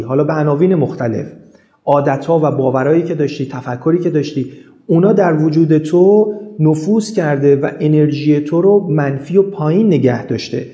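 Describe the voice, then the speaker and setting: Earnest motivational man, mellow and roomy. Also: on the high side. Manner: earnest, repeats affirmations in rhythmic lists. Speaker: motivational speaker. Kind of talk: self-help monologue.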